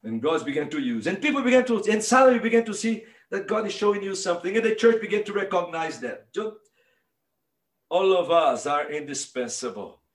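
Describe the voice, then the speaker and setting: Brief: Brazilian-accented man, Portuguese native speaker, pastor delivering a sermon, high voice, emphatic, roomy church sound. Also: expressive, fairly quick. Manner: emphatic, building to impassioned shouts, direct address to listeners.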